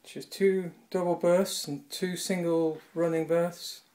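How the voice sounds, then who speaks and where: A man's voice: fairly high pitch, slight background noise, low-quality recording. Man narrating a casual boat tour. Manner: relaxed, offhand, pauses with uh. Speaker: boat owner giving a tour. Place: boat in a shed, on deck and in a small cabin. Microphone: handheld camera or phone.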